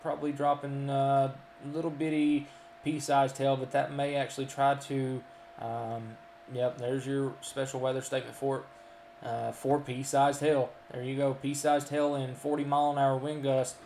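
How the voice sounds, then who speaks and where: A man's voice: mid-range voice, level tone, moderate pace, a little mellow, reverberant, slight background noise. A man with a Kentucky accent giving live storm radar commentary, folksy and full of ums and uhs as he lists towns. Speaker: storm chaser and weather streamer.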